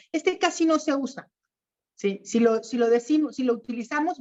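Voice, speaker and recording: Woman teacher explaining grammar online. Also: fairly high pitch. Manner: explanatory, repeats examples slowly. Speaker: writing workshop teacher. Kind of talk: online class lecture. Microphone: video call. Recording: lo-fi video call audio.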